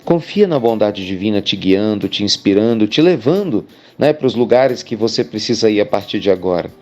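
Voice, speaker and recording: A man's voice: lowish voice, expressive, normal speed, darkish tone, lo-fi sound. A man, a spiritual speaker telling an inspirational story in a chatty way. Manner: chatty, addresses listeners as "gente" with frequent "né".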